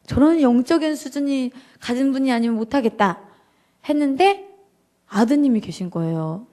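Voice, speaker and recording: A woman giving an emotional, animated church testimony to a congregation, acting out her prayers and joking with the audience. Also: high voice, normal speed. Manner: addresses the audience directly and jokingly. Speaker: guest speaker giving a personal testimony.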